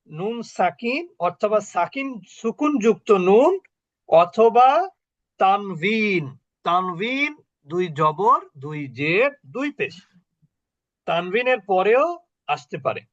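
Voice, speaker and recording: A man teaching Quran recitation rules in an online class, explaining patiently, quizzing his students and chanting example words slowly. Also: high-pitched, animated, a bit bright, muffled recording. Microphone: video call.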